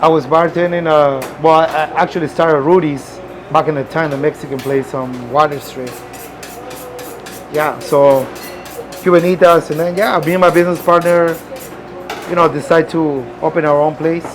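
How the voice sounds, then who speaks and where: A man from Peru with a Peruvian Spanish accent, a restaurant owner who pauses often to find his words while talking in his kitchen. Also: fairly high pitch, steady tone, music in the background. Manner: halting, searching for words. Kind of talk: casual interview.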